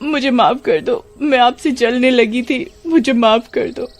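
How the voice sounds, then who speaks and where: A woman voicing a cruel, shrill young woman who scolds and wails in a storybook tale. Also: a little slow, faint music behind. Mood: pleading. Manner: shrill, wailing and whining.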